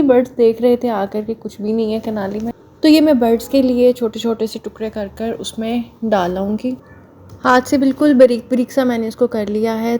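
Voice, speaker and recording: A slightly hoarse woman, chatting homely and directly to viewers while narrating her chores. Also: fairly high pitch, dark tone, a little hiss or hum. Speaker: home vlogger. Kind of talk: casual voice-over narrating chores.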